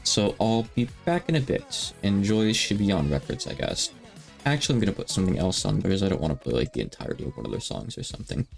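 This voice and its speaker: A man's voice: fairly low pitch, very animated, quick pace, creaky, faint music behind. A man in his thirties chatting casually on a livestream, rambling and self-deprecating with lots of fillers. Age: 30s. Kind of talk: casual stream chat.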